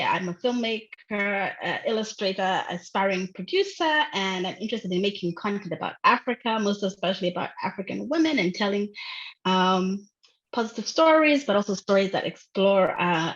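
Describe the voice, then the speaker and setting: A woman's voice: medium pitch, lively intonation, normal speed, fairly bright tone. A young woman from Uganda, a filmmaker, talking casually in an interview over a video call, chatty with lots of fillers. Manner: chatty, many fillers, laughs often. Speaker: filmmaker guest. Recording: dull lo-fi video call audio.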